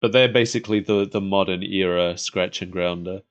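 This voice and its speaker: In a low, steady voice at a moderate pace, a man co-hosts a podcast, chatting casually and reviewing cartoons like an enthusiastic fan. The audio sounds dull.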